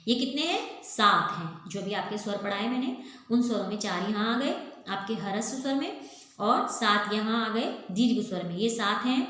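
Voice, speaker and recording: A woman's voice: mid-range voice, lively intonation, normal speed, a bit bright. Brief: young woman grammar teacher, patient and repetitive, asks then answers her own questions, recorded in a very echoey room with faint hiss. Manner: draws out vowel sounds as spoken examples. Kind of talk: recorded classroom lesson.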